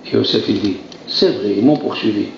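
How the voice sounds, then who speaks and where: Animated rabbi teaching in a roomy hall. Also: male voice, fairly low pitch, brisk, vocal fry, slight background noise. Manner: animated, theatrical, acts out dialogues, exclaims "aïe aïe". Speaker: rabbi teaching a Torah class. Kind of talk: lively French Torah lesson. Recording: roomy lo-fi recording with faint ambience.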